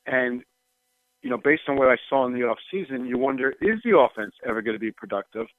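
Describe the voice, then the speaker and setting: A man's voice: mid-range voice, expressive, fast, dry recording. A man calling in over the phone as a sportswriter guest, chatting loosely with many "you know"s and "um"s. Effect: phone line. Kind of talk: casual call-in chat. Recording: tinny phone line.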